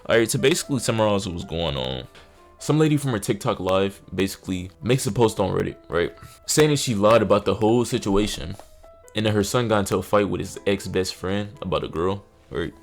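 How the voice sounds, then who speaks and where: A man delivers comedic commentary in casual slang, speaking directly to his viewers. His voice sits on the lower side. Faint music plays quietly behind him. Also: animated, brisk. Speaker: commentary YouTuber.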